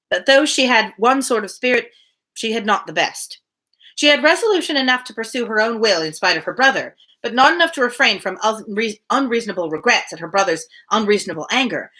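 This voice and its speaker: A woman hosts a daily live book reading, reading a classic novel aloud and now and then slipping into casual talk. Her voice sits at a medium pitch and sounds bright and forceful.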